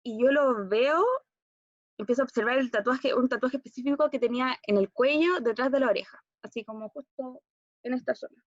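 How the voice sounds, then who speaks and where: A young acting student with a Chilean Spanish accent and a high voice tells a personal story as a class monologue, speaking a little fast. She rambles hesitantly with fillers and restarts, and the recording is dull, dry and without echo.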